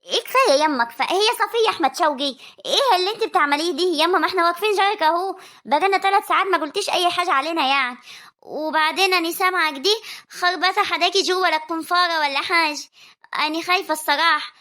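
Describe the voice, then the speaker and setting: A woman voicing a sharp-tongued young village daughter with a rural Egyptian accent, quick and nagging. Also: very high-pitched. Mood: complaining. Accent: rural Egyptian Arabic.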